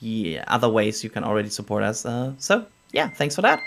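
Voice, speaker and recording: A man's voice: fairly low pitch, sing-song, brisk, gravelly, a bit bright. A man hosting a livestream with casual, hesitant live launch commentary. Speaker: livestream host.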